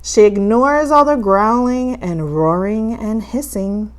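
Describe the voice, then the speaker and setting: A woman reading a children's story as a campy horror host, with dramatic, playfully spooky, drawn-out delivery. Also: a little high.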